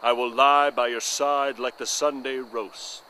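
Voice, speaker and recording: A man's voice: mid-range voice, steady tone, a little slow, sharp tone, a little hiss or hum, poor audio. A man playing a lovesick male draper who woos with earnest, rapturous devotion in a theatrical monologue. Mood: ardent.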